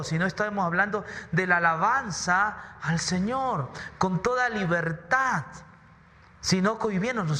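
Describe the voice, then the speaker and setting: A man's voice: high-pitched, sharp tone, in a large hall. A man preaching a sermon in church, emphatic, often repeating words and asking rhetorical questions. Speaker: pastor. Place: church hall.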